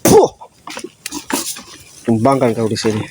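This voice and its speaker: Stern high-voiced Indonesian vlogger man. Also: normal speed, background noise. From Lampung, Indonesia. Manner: stern, repetitive, demands loud answers. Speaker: vlogger confronting a stranger. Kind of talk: scolding interrogation on camera.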